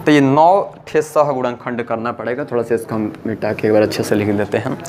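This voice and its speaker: A male math teacher, pitched at a middling level for a man. He walks through each step slowly and repeats it, urging the class to watch closely. A faint hiss of noise sits under the voice. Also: a little mellow. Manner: patient, repeats steps and urges listeners to pay attention. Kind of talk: blackboard math lesson.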